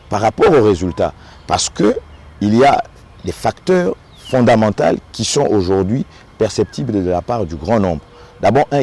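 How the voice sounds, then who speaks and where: A man's voice: lowish voice, mellow. A man with a Congolese French accent, a local notable, speaking earnestly in an interview and often repeating small words as he searches for the next one. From Democratic Republic of the Congo. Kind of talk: on-site interview, political commentary.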